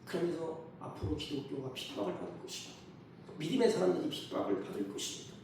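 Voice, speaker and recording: A man's voice: fairly high pitch, very animated, fast, darkish tone, a little hiss or hum. A male pastor preaching a sermon, emphatic, often putting questions to his congregation. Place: church sanctuary. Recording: echoey hall from far off.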